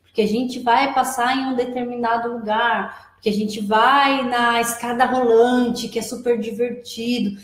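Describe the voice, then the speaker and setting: Woman guest, high voice, explains and repeats key points, roomy echo. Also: fairly even intonation, a little slow, few pauses. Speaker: guest, preschool operations director. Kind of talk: live advice chat. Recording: echoey room.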